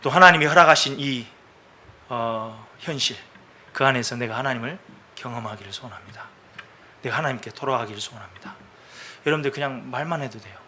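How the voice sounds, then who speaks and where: A man preaching a Sunday sermon in a bright, forceful voice at a middling pitch. He talks to the congregation in a chatty, storytelling way and slips into the voices of people he quotes. A faint ambient hiss runs underneath. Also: a little fast, long pauses. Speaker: pastor. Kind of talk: conversational sermon. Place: church service.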